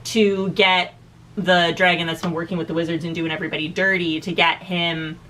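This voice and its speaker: A woman's voice: on the low side, little pitch movement, brisk, fairly bright tone, recorded from a distance, rough recording. A woman in her thirties chatting casually as co-host of a book review, in a rambling, giggly, slangy way. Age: 30s. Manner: rambling, giggly, slangy, loses train of thought. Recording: noticeable background noise.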